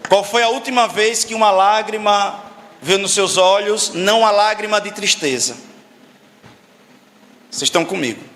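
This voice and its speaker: A pastor preaches with a high, bright and forceful voice, pressing his points hard and throwing rhetorical questions at the congregation. His voice carries a long reverb from a church hall. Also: normal speed, long pauses, a little hiss or hum. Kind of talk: sermon.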